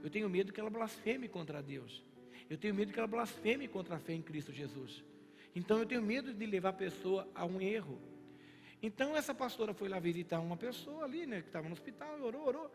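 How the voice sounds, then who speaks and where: High-voiced Brazilian pastor preaching. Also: male voice, fast, creaky. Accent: Brazilian Portuguese. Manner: storytelling, animated, acts out dialogue. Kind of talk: sermon. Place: church sanctuary. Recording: reverberant church hall with faint music.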